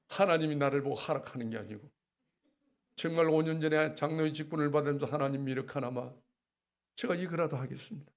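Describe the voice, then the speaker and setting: A middle-aged man, a church elder giving his testimony in a sermon style. He is emphatic, swings between loud outbursts and hushed asides, and acts out his own prayers aloud. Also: on the high side, vocal fry. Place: church sanctuary.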